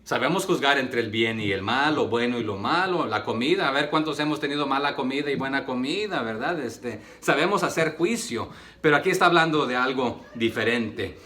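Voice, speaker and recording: Un hombre que predica un sermón en español latinoamericano y le hace preguntas a la congregación. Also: male voice, mid-range voice, expressive, brisk, pushed and bright. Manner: rhetorical questions to the congregation, many fillers. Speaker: preacher. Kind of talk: sermon.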